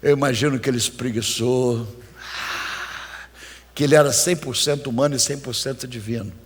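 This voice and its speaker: A man with a Brazilian accent preaching a sermon as pastor, dramatic and animated, rising to shouts. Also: medium pitch, normal speed, slightly rough. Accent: Brazilian Portuguese. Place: church. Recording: echoey church hall.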